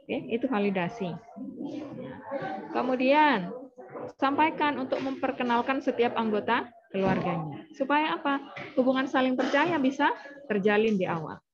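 A woman's voice: sits high, lively intonation, normal speed, long pauses, lo-fi sound, crowd noise. A woman teaching nursing students, explaining step by step and asking and answering her own questions. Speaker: nursing lecturer. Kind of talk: lecture.

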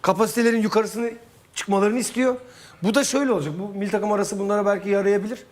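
A man's voice: high voice, steady tone, fast. A man, a former footballer, giving his views as a pundit in a football panel discussion.

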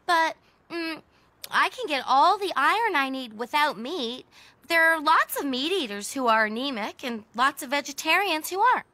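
A bright, excitable teenage girl. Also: high-pitched, normal speed, no echo. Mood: earnest. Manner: earnest, excitable. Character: earnest teenage girl, passionate vegetarian.

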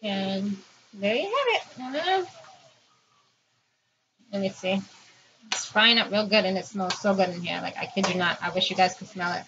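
A woman in her thirties, medium-pitched and flat in delivery, speaks at a moderate pace with long pauses as she hosts a casual, chatty home cooking vlog and talks viewers through each step with busy hands. Her indoor home kitchen is recorded through a camera or phone mic within arm's reach, giving dull lo-fi sound with loud noise and clicking.

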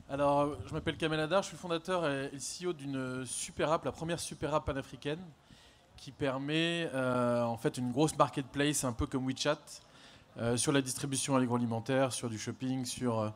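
A man, a startup founder, speaking on a conference panel with many hesitations and fillers. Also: mid-range voice.

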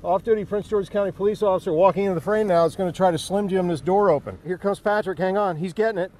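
A man's voice: high-pitched, fast talker, darkish tone. A man working as a TV field reporter, giving a live report and plea from outdoors in the snow. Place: outdoors in snow beside a car. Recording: faint outdoor background noise.

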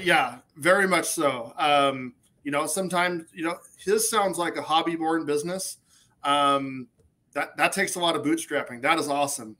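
On a webcam from his indoor office, a man in his forties who works as a business consultant joins a video call for a casual interview chat. His slightly high voice is bright and forceful, and his manner upbeat and matter-of-fact.

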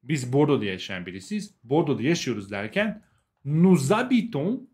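A man's voice: mid-range voice, very animated, normal speed, darkish tone. A young adult man with a Turkish accent teaching a live language lesson, explaining, translating and repeating key words for learners.

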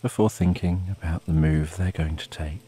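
Soft husky guy doing sleep story narration, really mellow and calm, rain behind him. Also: deep voice, faint music behind. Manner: calm, unhurried, with long pauses. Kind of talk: slow, soothing bedtime story narration.

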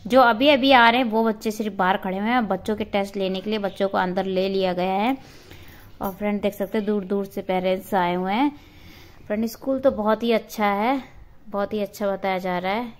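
A woman's voice: medium pitch, steady tone, a little fast. A woman vlogger chatting casually with her viewers while out and about, filming on a handheld phone. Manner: chatty, addresses viewers as friends. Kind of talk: casual vlog chat. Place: outdoors at a park and school gate.

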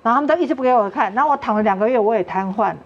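A talk show guest with a Taiwanese Mandarin accent tells her own story with earnest feeling, performing other people's lines as she quotes them. She speaks rapid-fire in a slightly high voice, and the sound is lo-fi.

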